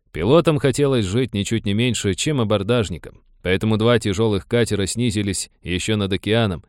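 A man narrating an audiobook in a steady, wry storytelling manner. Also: fairly low pitch, clear, resonant tone, no room sound, clean studio sound.

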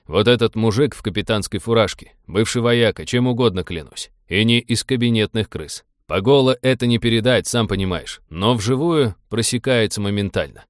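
A man voicing a gruff, blunt male ship pilot who talks in plain slang. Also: on the low side, moderate pace, hardly any pauses, no echo, studio quality, lightly acted.

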